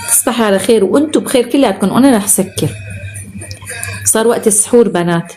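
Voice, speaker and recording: A woman's voice: a little high, expressive, fast talker, warm tone, faint music behind. A woman with a Syrian Arabic accent hosting a live stream, chatting casually as she reads out viewer comments and showers them with endearments.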